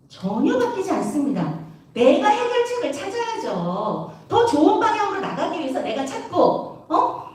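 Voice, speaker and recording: Animated woman preaching in an echoey hall. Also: high voice, far from the mic. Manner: animated, keeps asking the audience questions. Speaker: youth preacher. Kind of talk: lively sermon to youth.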